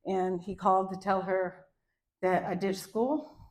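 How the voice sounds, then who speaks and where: A woman in her fifties from Arizona, telling loud, self-mocking stories in a live stand-up set on a club stage. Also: mid-range voice, fairly even intonation, a little slow. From Arizona, USA. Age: 50s. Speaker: stand-up comedian.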